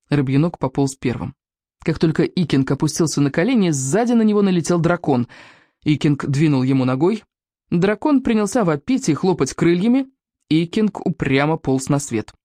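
An audiobook narrator reading an adventure story with animated, dramatic delivery that slows and stretches words for suspense. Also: mid-range voice, no echo, clean studio sound.

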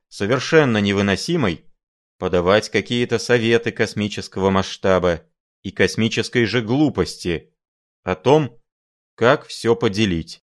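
A man's voice: on the low side, lightly acted. A man voicing a thundering old professor. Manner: thundering, scolding tirade. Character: enraged elderly male professor, imperious and lecturing.

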